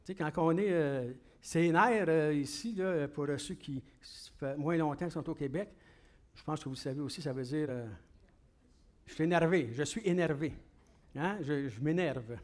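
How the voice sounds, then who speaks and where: A man with a Québécois French accent preaching a sermon as pastor. He talks quickly and conversationally, often asking the congregation questions. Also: on the high side, a little mellow.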